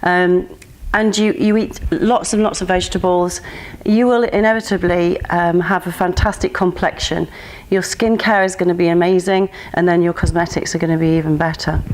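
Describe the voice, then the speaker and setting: A woman's voice: on the low side, steady tone, normal speed, a little mellow. A woman, a pageant contestant and nutrition coach, giving earnest, explanatory interview answers with frequent "um"s.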